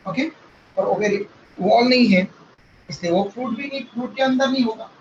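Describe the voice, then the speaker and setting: A man's voice: extremely high pitch, moderate pace, a little hiss or hum. A male biology teacher giving a classroom lecture, explaining step by step, checking in with "ok?" and mixing English terms into his talk. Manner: mixes Hindi with English terms. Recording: roomy, distant, dull sound.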